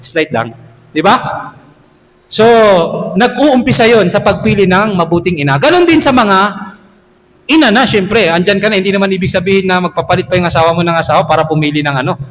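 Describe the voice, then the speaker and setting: A man's voice: high voice, brisk, long pauses, a bit bright, big-room sound, rough recording. A man giving an Islamic sermon as an imam, talking to his listeners in a conversational way and often checking in with rhetorical questions.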